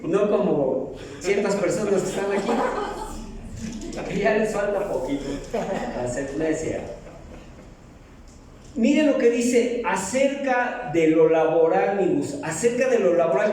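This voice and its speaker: Joking preacher in an echoey hall. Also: male voice, high voice, dark tone, recorded from a distance, a little hiss or hum. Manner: joking, asks the congregation questions. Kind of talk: sermon. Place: church hall. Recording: echoey hall, mic from afar.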